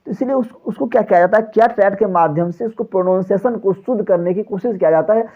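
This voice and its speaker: A male teacher talks through an exam-prep lecture, posing questions to the class and answering them himself. His voice sinks low at the close of each phrase. The recording is a little dull and lo-fi. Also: quick pace. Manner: repetitive, asks and answers his own questions; drops pitch on closing phrases.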